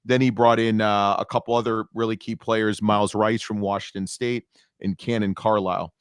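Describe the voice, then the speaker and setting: A man co-hosting a podcast in casual conversation, talking in a lively, rambling way and correcting himself mid-sentence. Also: fairly low pitch, normal speed, smooth, no echo, clean studio sound. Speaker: podcast co-host. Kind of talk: casual sports podcast chat.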